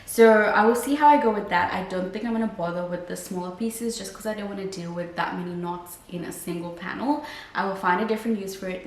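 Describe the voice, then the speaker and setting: Woman vlogging casually in a roomy space. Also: mid-range voice. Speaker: crochet vlogger. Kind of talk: casual chat to camera, vlog. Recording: roomy, distant mic, faint hiss.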